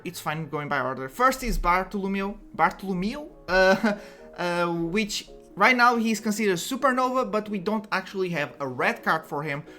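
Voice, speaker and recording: Speaking casually to camera, a Portuguese-accented content creator walks through a card game strategy, chatty and often starting sentences over. The voice is medium-pitched with a sharp tone.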